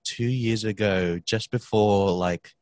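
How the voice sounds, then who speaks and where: Deep-voiced young man. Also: slow pace, dry recording. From Australia. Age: 20s. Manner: relaxed, rambling, with many fillers and laughs. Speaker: podcast guest. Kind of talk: casual conversation.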